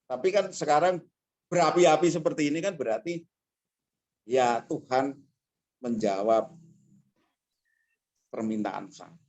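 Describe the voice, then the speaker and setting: A man giving a fiery motivational talk as a guest speaker, telling stories emphatically and swinging between quiet asides and loud bursts over a video call. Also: medium pitch, measured pace, long pauses.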